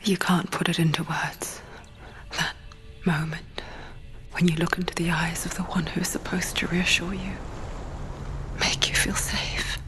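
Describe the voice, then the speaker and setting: A woman voicing an intimate, ominous narrator inside a warrior's head, in a breathy whisper for a video game. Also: fairly low pitch, flat delivery, measured pace, close to an everyday voice. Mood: hushed, ominous. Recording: loud music under the whisper.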